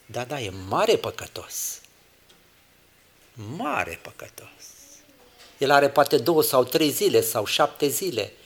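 Man, preacher, sermon, very animated intonation, hushed then loud, acts out dialogues. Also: mid-range voice, pauses often, slightly rough. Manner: dramatic, swings from hushed to loud exclamations.

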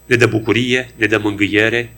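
A man's voice: lowish voice, level tone, a bit bright. A man preaching a sermon, acting out quoted dialogue in shifting voices.

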